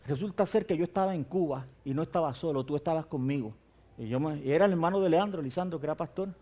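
An older male preacher with a notably high-pitched voice. He tells a personal testimony in a storytelling way, acting out the dialogue. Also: fast talker, warm tone.

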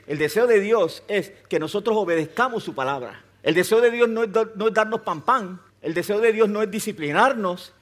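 High-voiced older preacher. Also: male voice. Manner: emphatic, conversational preaching with rhetorical questions. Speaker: pastor. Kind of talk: sermon.

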